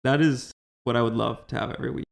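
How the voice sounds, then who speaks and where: A young man in his twenties with a gravelly, fry-touched voice co-hosts a casual podcast. He talks in a dry, deadpan way. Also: mid-range voice, fast talker. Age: 20s. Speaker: podcast co-host. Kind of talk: casual chat.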